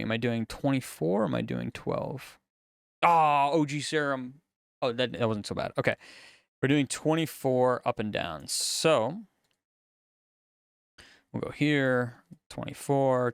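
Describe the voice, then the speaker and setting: A man's voice: mid-range voice, moderate pace, creaky, clean tone, no echo. A man, a music producer, casually talking through a studio session as he works in a music studio. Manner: relaxed, chatty, explains as he works.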